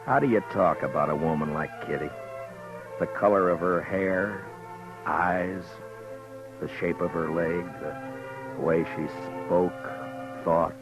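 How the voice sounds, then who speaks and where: A deep, laconic frontier marshal. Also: male voice. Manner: slow, laconic, measured narration. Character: calm, reflective frontier marshal. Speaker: frontier lawman and narrator. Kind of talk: 1950s radio drama acting. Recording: dull old radio recording with music under narration.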